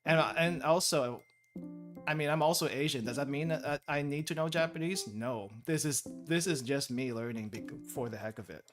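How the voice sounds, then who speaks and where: A young man from the Philippines streams himself studying, making casual chat, thinking aloud and laughing a lot as music plays behind. He speaks at a normal speed with a fairly high pitch.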